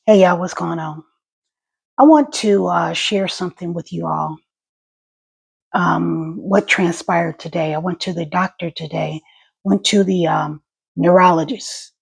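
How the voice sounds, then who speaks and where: A woman talks casually and directly to her online viewers. Her voice is husky and full of fry, with a wet gargle to it as she speaks. Her speech is a little halting, with small stutters. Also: on the low side. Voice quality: gravelly, husky. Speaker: vlogger and stroke survivor. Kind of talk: casual personal vlog to viewers.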